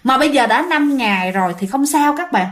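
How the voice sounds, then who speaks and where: A woman's voice: high voice, animated, brisk. A woman with a Southern Vietnamese accent, casually retelling a ghost story and chatting directly to her listeners.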